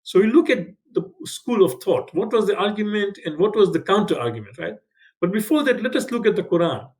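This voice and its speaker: Speaking a little fast with big pitch swings, a man from Tanzania teaches an online class from his Canadian home in a conversational manner. His high, slightly mellow voice carries frequent "right?" check-ins and self-corrections, and English is not his first language.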